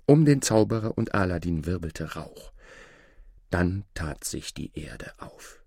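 A man with a very deep voice reads a fairy tale aloud, calm and measured. The sound is dry and close, with no room around it. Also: vocal fry, breathy edge, no room sound. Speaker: narrator.

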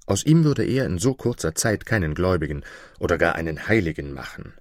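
A man narrating a fairy tale in a measured storytelling manner. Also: sits low, sing-song, no room sound, clean studio sound.

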